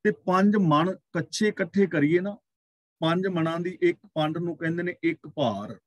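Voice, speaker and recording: Male scripture teacher, slightly high voice, dry close sound; chants verses slowly, then explains plainly. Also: dry recording. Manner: measured, repetitive teaching cadence. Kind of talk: scripture exposition.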